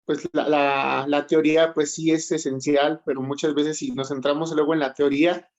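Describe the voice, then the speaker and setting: A man's voice: on the high side, little pitch movement, normal speed, muffled recording. A man joining a class discussion as a student, hesitant and full of fillers.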